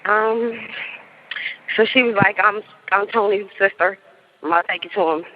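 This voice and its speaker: A woman's voice: medium pitch, normal speed, phone-quality sound. A woman in her thirties telling a story in casual chat, laughing often and acting out what people said. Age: 30s. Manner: animated, laughs often, acts out quotes. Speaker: interviewee.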